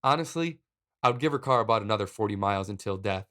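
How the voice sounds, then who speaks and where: A man hosting a podcast, narrating a personal story in a wry, deadpan comic way. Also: fairly low pitch, quick pace. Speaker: podcast host.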